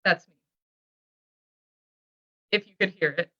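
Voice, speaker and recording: Bright-voiced woman on a video call, audio glitchy and cutting out, kinda dull sound. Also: fairly low pitch, takes it slowly. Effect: audio cutting out, glitchy dropouts. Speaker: panelist. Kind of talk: casual panel talk.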